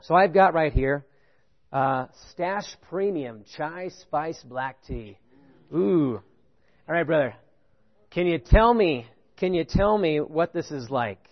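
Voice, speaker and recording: In a dull, lo-fi recording, a fairly high-voiced preacher gives an animated sermon at a measured pace with long pauses. His pitch climbs on the main points, he chuckles in between, and he engages the audience by asking "right?"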